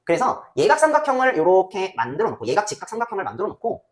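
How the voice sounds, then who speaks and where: A woman's voice: mid-range voice, huge pitch swings, very fast. A woman teaching a math lesson in a casual, chatty way, often asking the students to check along. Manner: chatty, asks students frequent checking questions; voices student replies herself. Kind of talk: casual lecture.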